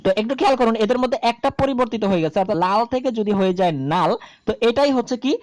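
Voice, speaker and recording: A woman's voice: on the high side, quick pace, a little mellow, no room sound. A woman teaching a grammar lesson, explaining step by step at a board and asking the class rhetorical questions.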